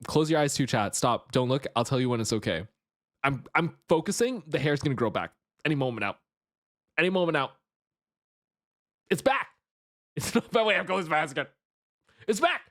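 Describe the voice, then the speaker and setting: A man hosting a livestream with casual chat and commentary, jumping from excitable exclamations to low asides. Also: no echo, clean studio sound. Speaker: livestreamer and host.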